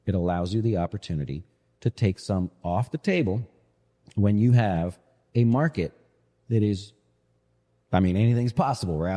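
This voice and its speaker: A man with a lowish, mellow voice hosts a live financial show, where he works as an investment manager. His market commentary is casual and conversational, full of rhetorical check-in questions. His voice carries an echoey, hall-like reverb.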